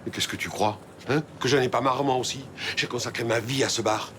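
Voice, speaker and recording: A man's voice: mid-range voice, fairly even intonation, brisk, background noise, close to an everyday voice. An actor playing a weary bar owner who grumbles and scolds his partner, in a TV soap drama. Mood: angry. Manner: reproachful, exasperated.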